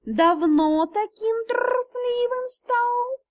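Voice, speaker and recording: A woman's voice: very high-pitched, lively intonation, extremely slow, lo-fi sound, pitched above the performer's own voice, exaggerated voice. A woman voicing a cheeky male cat who is the spirit of a golden dragon, teasing and drawling in an audiobook. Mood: cocky. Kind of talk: audiobook character voice.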